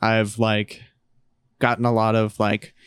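A man's voice: lowish voice, completely flat delivery, slow pace, clear, resonant tone, no echo. A young man co-hosting a podcast, talking in a laid-back, rambling way with lots of fillers. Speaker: podcast co-host. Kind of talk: casual chat.

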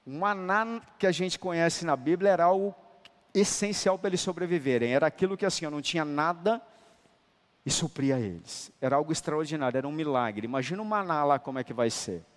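A man preaching a sermon, his fairly high voice ringing through a church hall with a long echo. He swings from loud, emphatic declarations to quiet, tender lines. He talks to the congregation in a colloquial way and calls them brother. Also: a little fast. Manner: colloquial, addresses listeners as brother. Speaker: apostle preaching.

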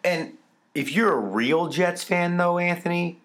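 A man's voice: high-pitched, unhurried, a bit bright. A man co-hosting a sports podcast, talking casually and emphatically, often repeating words for stress. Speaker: podcast co-host.

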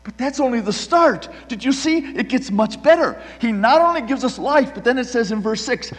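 High-pitched guy preaching a sermon, gets loud then goes real quiet, repeats words a lot, long echo like a big church hall. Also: moderate pace. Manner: animated preaching, swings from loud to hushed; frequent restarts and repeated words. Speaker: pastor.

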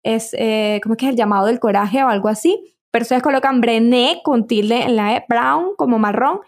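Chatty, bright-voiced podcast host woman. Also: a little high, brisk. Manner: chatty and enthusiastic, many asides. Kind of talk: casual podcast conversation.

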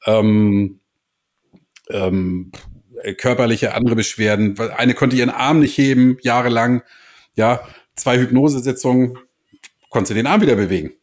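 Man telling lively hypnosis stories. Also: medium pitch, a little slow. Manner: animated storyteller, acts out quoted voices. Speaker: hypnotist and podcast host guest. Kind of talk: casual conversational interview.

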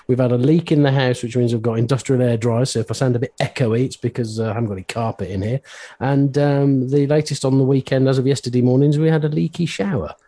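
A man with a dark, husky voice talks in a loose, rambling way full of restarts. He is recorded in a bare, uncarpeted room at home, so his voice rings back with a hollow echo. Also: medium pitch, steady tone, fast. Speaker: co-host of a radio show. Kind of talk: casual chat.

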